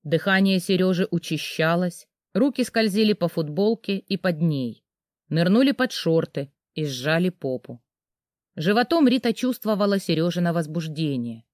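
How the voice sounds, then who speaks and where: A woman narrating an audiobook with a lively, expressive reading. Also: lowish voice, moderate pace, no echo, clean studio sound.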